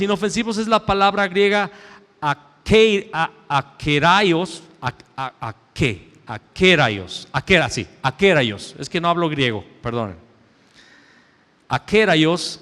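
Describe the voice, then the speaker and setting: A male pastor delivers an emphatic sermon from the pulpit. His somewhat high voice swings between loud raised lines and hushed, low asides. The sound rings with the long reverb of a church hall. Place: church sanctuary.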